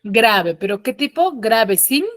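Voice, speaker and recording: A woman's voice: fairly high pitch, lively intonation, takes it slowly, no echo, studio quality. A woman teaching an online class, patiently explaining and often checking that her students follow. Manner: patient, asks frequent check questions. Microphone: computer mic on a video call.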